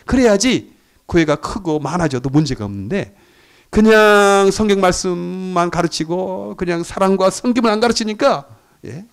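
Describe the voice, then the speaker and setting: A middle-aged male pastor preaching a sermon in an earnest way, his voice rising to emphatic peaks and then dropping soft. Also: on the high side.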